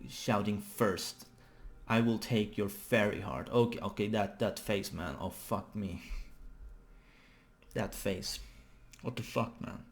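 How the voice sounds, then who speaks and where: A man casually reacting live to a manga chapter, rambling as he thinks aloud and swearing freely. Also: on the low side.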